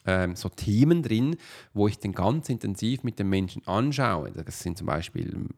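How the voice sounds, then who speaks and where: A man's voice: fairly low pitch, expressive, moderate pace, creaky, a little mellow. A man hosting a podcast, talking casually at his computer in a rambling way full of filler sounds. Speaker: podcast host and coach. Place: at his computer while uploading a video.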